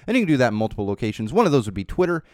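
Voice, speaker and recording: A podcast host rambles through a casual solo episode in a small studio, chatty and self-promoting, his nose still stuffed from a cold. His medium-pitched voice is very animated and very fast, with a darkish tone, captured dry on a studio mic.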